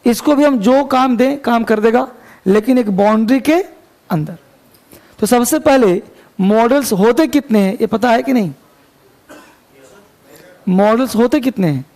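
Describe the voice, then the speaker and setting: A man with an extremely high, slightly mellow voice teaches an English grammar class as a lecture, chatting, joking, and quizzing his students along the way.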